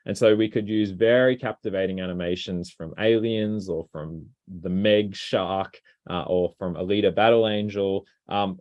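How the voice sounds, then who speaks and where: A middle-aged man presents a talk in a relaxed, conversational tone, often pausing with ums and restarting his sentences. His voice sits somewhat low. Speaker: robotics researcher giving a talk.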